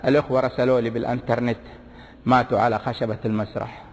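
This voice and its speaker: A man preaching a sermon, emphatic, swinging from low asides to high exclamations. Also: level tone, rapid-fire. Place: large hall before a big audience. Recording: long hall reverb.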